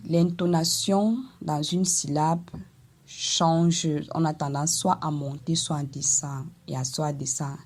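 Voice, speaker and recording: Slow, low-voiced woman teaching a language lesson. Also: a little mellow, slightly rough. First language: Eton. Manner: slow, careful explanation with sung vowel examples.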